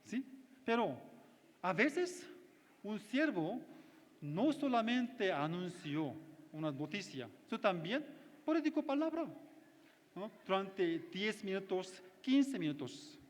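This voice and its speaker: A high-voiced man preaches a sermon in unhurried, measured phrases. He talks with simple wording and keeps checking in with his listeners. The sound carries a long hall reverb. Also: big pitch swings. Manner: simple non-native phrasing, frequent check-in questions. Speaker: pastor. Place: church retreat hall.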